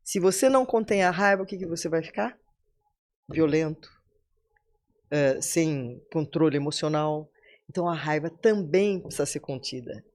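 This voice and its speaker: A woman's voice: low voice, animated, normal speed, darkish tone. A woman in her seventies with a Brazilian accent, a podcast guest giving a motivational talk and addressing listeners directly. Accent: Brazilian Portuguese. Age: 70s.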